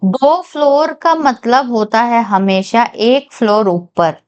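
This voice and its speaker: Woman tutor, fairly high voice, unhurried and patient, works through puzzles at a board. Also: lively intonation, a little mellow, clean tone, highs cut off. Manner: slow, careful reading of English statements, checks in with viewers. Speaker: reasoning tutor for bank exams. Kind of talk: whiteboard lesson, Hindi mixed with English.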